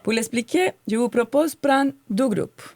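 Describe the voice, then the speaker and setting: Speaking a little slowly, this podcast co-host has a slightly high, expressive, somewhat mellow voice with no echo around it. She's a woman in her forties from Colombia with a light accent from her Colombian Spanish, and she talks from prepared notes in an earnest, heartfelt way.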